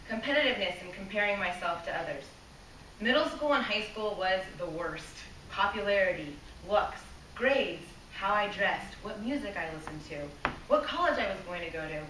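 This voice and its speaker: In a bright, forceful mid-range voice, a club speaker gives an earnest, direct prepared speech to a live audience, asking them questions and sometimes losing track and starting over. The audio comes from a distance in an echoey room, with faint hiss.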